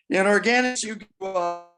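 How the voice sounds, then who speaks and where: An older man farmer joining a roundtable remotely, his halting words breaking up as his internet connection cuts out. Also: sits high, sharp tone. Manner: halting, slow, broken-off phrases. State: voice dropping in and out. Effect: audio cutting out over a bad internet connection. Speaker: farmer panelist. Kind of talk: roundtable discussion. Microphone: remote call connection.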